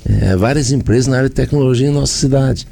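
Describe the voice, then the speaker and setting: A man's voice: medium pitch, fast, creaky, warm tone. A man with a Brazilian accent, a mayor answering in a radio interview, explaining and listing points with repeated phrases.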